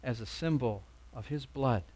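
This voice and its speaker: A man preaching a sermon, emphatic and repeating words for stress, swinging between loud urging and soft asides. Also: medium pitch, moderate pace, slightly rough.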